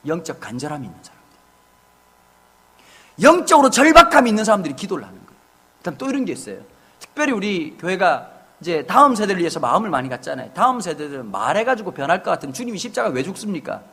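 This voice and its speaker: A man's voice: high voice, husky. A middle-aged man preaching a sermon to his church, telling humorous family stories and acting out what his wife and children say. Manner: humorous, animated storytelling with acted family quotes. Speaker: pastor. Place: church sanctuary.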